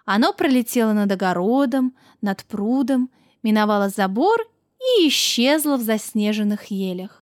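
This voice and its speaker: A woman narrating a children's story in a warm, gentle storytelling voice with expressive lifts. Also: on the high side, normal speed, no echo, studio quality.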